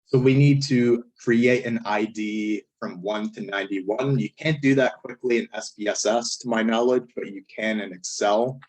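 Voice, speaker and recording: A statistics instructor narrates a software tutorial over a screen recording, guiding viewers step by step from his computer indoors. His lowish voice is hoarse and failing, and he often clears his throat. He talks at a moderate pace with hardly any pauses, and the recording is rough.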